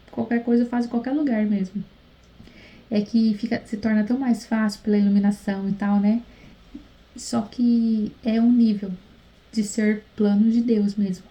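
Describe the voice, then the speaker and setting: A woman's voice: mid-range voice, level tone, normal speed, mellow, poor audio. A woman tells a faith testimony in a casual vlog, earnest and chatty, often speaking straight to her viewers. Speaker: YouTuber sharing a faith testimony. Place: at home late at night, husband in the next room.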